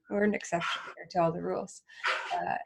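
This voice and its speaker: A woman, co-hosting a software webinar and reading out audience questions in a friendly way. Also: lowish voice, lively intonation, a little fast, vocal fry, slight background noise. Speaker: co-host relaying audience questions. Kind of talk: webinar Q&A moderation.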